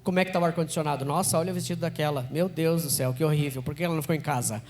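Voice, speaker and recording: A man voicing a distracted, catty audience member, muttering quick fussy asides. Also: on the high side, a little mellow, slight background noise, pitched below the performer's own voice, natural voice.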